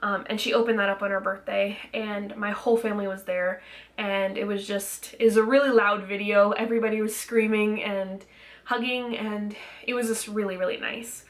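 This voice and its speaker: A woman's voice: medium pitch, level tone, moderate pace. A young woman talking casually in a vlog, a little out of breath, rambling with lots of ums, restarts and small laughs. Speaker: vlogger.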